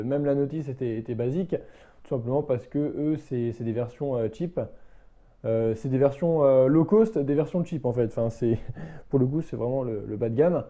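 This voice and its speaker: A man with a mellow, medium-pitched voice casually reviews a product for his motorbike vlog without a script, speaking in a hesitant, halting way and returning to rephrase himself.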